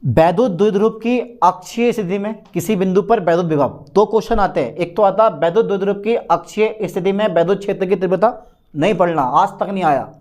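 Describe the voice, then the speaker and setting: A man in his thirties with a fairly high voice leads an exam-prep physics lesson. He drills each key phrase by repeating it slowly, pressing hard on what will come up in the exam. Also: a little mellow. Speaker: physics teacher.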